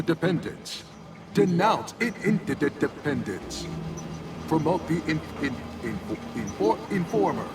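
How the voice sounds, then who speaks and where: A controlling male AI program from a video game, stammering and repeating chopped syllables as he glitches. The voice sits fairly high and leaps around in pitch. It sounds far from the mic, buried in loud background noise. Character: glitching male AI priority set, greedy, controlling. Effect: glitching, stuttering machine voice.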